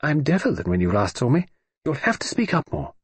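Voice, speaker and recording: A man reading an audiobook, voicing an imperious, deaf old aristocratic lady with crisp, commanding upper-class speech. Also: fairly high pitch, huge pitch swings, a little fast, dry recording, voice pushed up, heavily acted. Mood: tart.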